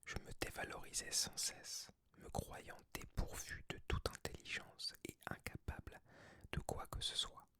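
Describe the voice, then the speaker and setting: A person of unclear sex whispering softly and breathily, as in a library, in an ASMR book reading. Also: measured pace. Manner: soft, hushed library whisper. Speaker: ASMR creator reading aloud.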